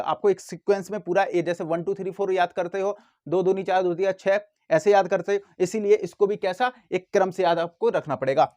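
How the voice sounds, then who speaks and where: A male teacher giving a lesson, who asks his students questions and answers them himself, repeating words and sounds slowly to demonstrate them. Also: sits high, a little mellow. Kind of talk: classroom lesson.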